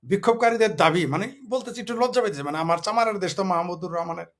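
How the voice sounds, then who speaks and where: A man's voice: high-pitched, rapid-fire, a bit bright. A man from Bangladesh delivering a heated political monologue, combative and scornful, full of rhetorical questions. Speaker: political commentator.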